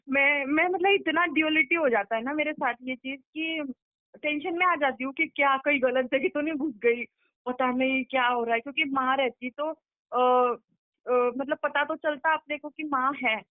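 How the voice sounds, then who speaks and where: A woman's voice: high-pitched, dry recording. A woman on a phone call to her spiritual teacher, recounting a meditation vision in a rambling way, with many fillers and restarts. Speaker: caller seeking spiritual guidance. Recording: tinny, dry phone line.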